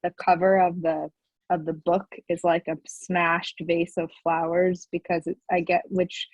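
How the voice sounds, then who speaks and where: A woman's voice: fairly low pitch, level tone, unhurried, darkish tone, no echo, rough recording. A woman talking casually and hesitantly in a book club chat.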